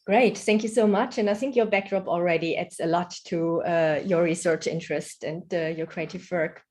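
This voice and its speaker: A woman hosts an online panel and politely invites each speaker in turn. She pauses often with fillers, and her voice comes over a video call. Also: lowish voice, steady tone, darkish tone. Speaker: moderator.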